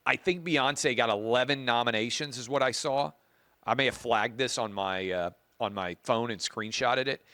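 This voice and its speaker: On his talk show, a man with a booming, bright, forceful voice offers emphatic opinions, hammering key points by repeating them. The sound is free of echo.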